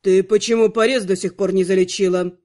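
A woman's voice: mid-range voice, steady tone, moderate pace, a little mellow, voice pushed down, close to an everyday voice. A woman voicing a stern, cold male necromancer magister who speaks curtly and with irritation, in an audiobook. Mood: irritated stern. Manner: curt, irritated. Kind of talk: audiobook narration.

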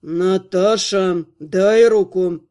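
A woman's voice: medium pitch, fairly even intonation, measured pace, mellow, voice pushed down, natural voice. A woman voicing an insistent older male archmage who gives firm commands. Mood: stern. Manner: insistent, pressing.

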